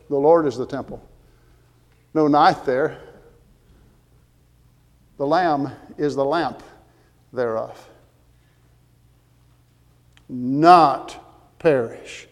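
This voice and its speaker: A man's voice: mid-range voice, darkish tone, big-room sound. A man preaching a sermon in an earnest, emphatic way, citing scripture verses as he goes.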